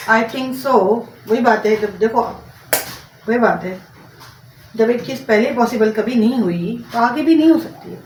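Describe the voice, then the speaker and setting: A woman talks on in a loose, rambling home-vlog chat, dropping English words into her speech as she cooks. Her voice sits a little high. The mic is far from her in a reverberant room, with clear household noise behind her. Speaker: home vlogger. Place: home, cooking in the kitchen. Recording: roomy, distant mic with noisy background.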